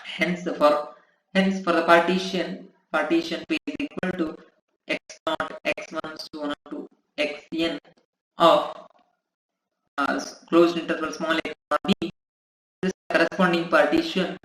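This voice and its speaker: A man's voice: on the high side, steady tone, measured pace, a bit bright, slight background noise. A man lecturing in mathematics, dictating in short, repeated phrases as he writes. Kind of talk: maths lecture dictated while handwriting. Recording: echoey room.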